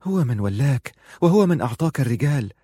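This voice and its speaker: A man's voice: mid-range voice, sing-song, fast, warm tone, husky, no echo, clean studio sound, voice pushed up. An anxious older brother pleads urgently, as a male storyteller voices him. His tone is reproachful and worried. The storybook figure speaks with a slightly raised voice.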